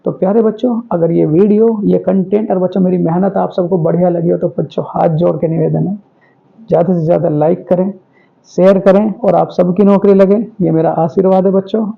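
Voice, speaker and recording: High gravelly male Hindi teacher. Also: fairly even intonation, brisk. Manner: calls students "my dear children", repeats answers as questions. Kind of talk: online exam-prep class. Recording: tinny phone-like audio.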